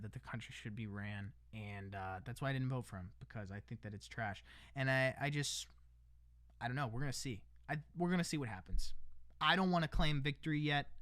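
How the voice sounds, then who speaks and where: A man's voice: medium pitch, fairly bright tone, dry recording, studio quality. A man talking casually on his livestream, rambling with lots of restarts, tossing in "bro" and "man" and laughing between lines. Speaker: livestream host.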